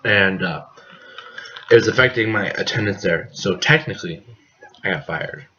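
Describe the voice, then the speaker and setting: A young man from the US Midwest co-hosting a casual podcast, joking and rambling with deadpan asides, coughing now and then. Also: lowish voice, normal speed. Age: young adult. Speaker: podcast co-host. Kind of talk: casual chat. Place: apartment living room. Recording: dull lo-fi home recording, faint noise.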